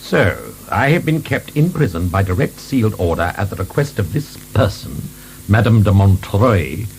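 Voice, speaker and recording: A proud imprisoned French marquis, sardonic and indignant, his pitch swinging widely as he declaims. It is radio drama with a faint hiss behind it. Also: sing-song, normal speed, a little mellow, poor audio. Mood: coldly insistent. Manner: theatrical, declamatory, swinging from wry to outraged.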